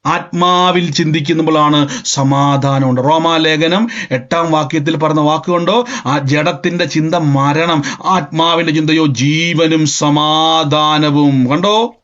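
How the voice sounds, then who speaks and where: A man's voice: on the high side, fairly even intonation, a little slow, fairly bright tone. A man preaching a sermon emphatically, repeating phrases and acting out scenes. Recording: dull lo-fi sound.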